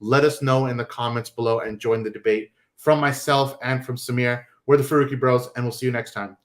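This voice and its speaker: Fast-talking New guy hosting a podcast. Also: medium pitch. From New York. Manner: animated, talks quickly with many restarts. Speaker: podcast host. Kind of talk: casual chat.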